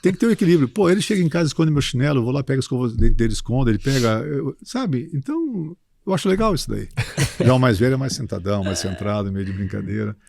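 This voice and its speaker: A man in his sixties, a farm business owner, talking casually in an interview as a lively storyteller who keeps checking in with his listener. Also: medium pitch, fast talker, creaky, no echo, studio quality. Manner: lively storyteller, often tags "entendeu" and "cara".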